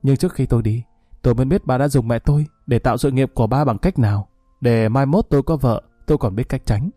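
A man's voice: medium pitch, quick pace, warm tone, no room sound, clean studio sound, soft background music, close to an everyday voice. A man voicing a bitter, sarcastic young son. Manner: mocking, coolly sarcastic.

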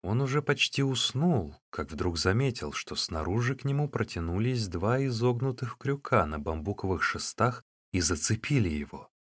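A man narrating a classic novel as an audiobook in a steady, even reading. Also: fairly low pitch, normal speed, hardly any pauses, breathy edge, no echo, studio quality. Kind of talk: scripted narration.

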